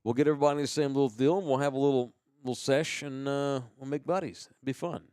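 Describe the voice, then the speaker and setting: An American man hosts a live podcast, bantering casually and giving sponsor shout-outs in a slangy, rambling, profane manner. His medium-pitched voice is fast, fairly even in intonation, and clean, recorded in a clean studio with no echo.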